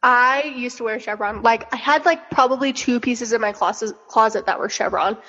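Young female co-host, fairly high voice, girly casual chatter full of fillers, muffled lo-fi sound with reverb. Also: moderate pace, a bit bright. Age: young adult. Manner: girly, filler-heavy talk peppered with "like". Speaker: podcast co-host. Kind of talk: casual chat. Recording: dull, echoey lo-fi recording.

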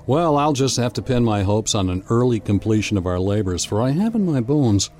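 Man as an eager, animated seafaring officer. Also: medium pitch, a little fast, soft background music, natural voice. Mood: keen, intrigued. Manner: salty nautical talk, keenly observant. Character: eager, curious male ship's officer, seasoned sailor. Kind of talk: period maritime audio drama acting.

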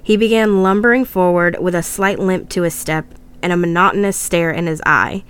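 Low-voiced woman reading a horror tale. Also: moderate pace, fairly bright tone, clean tone. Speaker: podcast host.

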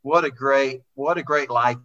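A middle-aged man talks on and on, circling back to the same phrases and dropping "man" into almost every sentence. His voice is bright and forceful. The recording is dull and lo-fi. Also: mid-range voice, normal speed. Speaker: racing driver, interview guest. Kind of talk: heartfelt remembrance in a conversation. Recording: dull lo-fi sound.

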